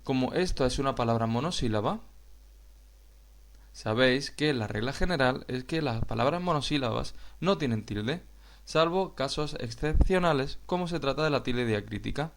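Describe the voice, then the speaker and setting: A man with a Spain Spanish accent explains a grammar point in a video lesson. His voice has a gravelly, creaky texture at a middling pitch. He talks slowly and patiently and speaks straight to his viewers. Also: lively intonation, a little hiss or hum. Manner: slow, explanatory, addresses viewers directly. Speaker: teacher.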